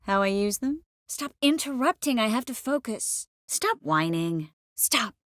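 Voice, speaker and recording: Here an actress voices a young fantasy-game sorceress, caring and passionate with a wry streak, in an intimate, expressive, crisply enunciated style. Her female voice sits fairly high and moves a little slowly, captured in a clean studio with no room sound. She sounds matter-of-fact and wry.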